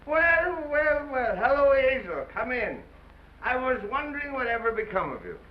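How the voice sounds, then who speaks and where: An actor playing a befuddled, folksy and tipsy small-town doctor, rambling along in 1930s screwball film style. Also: male voice, very high voice, very animated, normal speed. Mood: genial, muddled. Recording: muffled, hissy 1930s film soundtrack.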